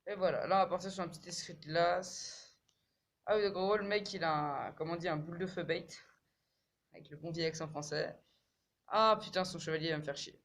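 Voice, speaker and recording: Commentating his own mobile game match, a man talks in casual French slang, swearing and repeating words when he gets excited. His voice sits on the high side and moves a little fast.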